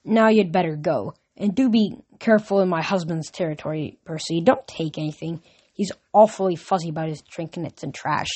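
A woman voicing Aphrodite, a vain, flirtatious goddess of love who speaks in a slow, gushing, dismissive drawl. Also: lowish voice, mellow, slightly rough. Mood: doting. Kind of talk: audiobook reading.

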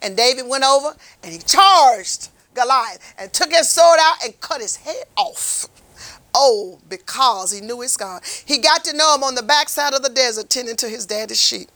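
High, bright-voiced woman preaching. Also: lively intonation, moderate pace. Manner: impassioned, folksy, swings from loud to hushed. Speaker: Bible teacher for a prison ministry. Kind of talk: preached Bible lesson.

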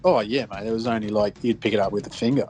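A man's voice: lowish voice, fast talker, a little mellow, husky, soft background music. A man co-hosting a fishing podcast, chatting casually in an easygoing, agreeable and somewhat hesitant way. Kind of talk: casual chat.

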